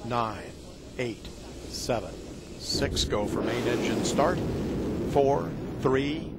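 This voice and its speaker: A man makes a launch announcement in mission control radio style. He is slow and emphatic, drawing out his words. Very loud noise surrounds his voice. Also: medium pitch, animated. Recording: very loud background roar and noise.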